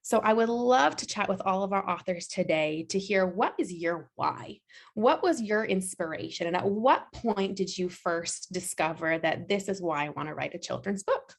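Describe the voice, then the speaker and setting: A woman's voice: mid-range voice, normal speed, vocal fry. A woman who writes children's books, moderating a panel and inviting the other authors to speak.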